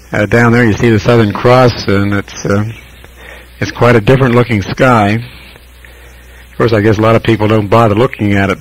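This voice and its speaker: An American ham radio operator chats casually over shortwave in a lowish voice, measured and hesitant. He pauses often while describing things, and the recording sounds rough.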